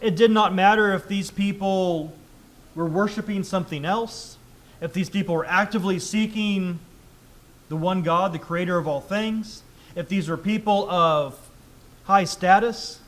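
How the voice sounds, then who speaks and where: A man with a notably high voice delivers a sermon. He reads scripture with climbing emphasis and then drops into a calmer, talking tone to explain it. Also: measured pace. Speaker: preacher.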